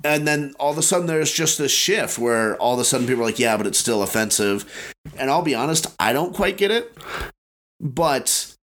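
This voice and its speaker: A man's voice: on the high side, expressive, a little fast, a bit bright. A man in casual podcast chat, telling jokes in a rambling way with lots of fillers.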